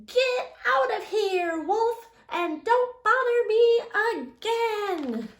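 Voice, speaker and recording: A woman voicing a rude, irritable little male pig in a storybook read-aloud, yelling in a shrill voice. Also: animated, very slow, full character voice. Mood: rude, annoyed. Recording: echoey room.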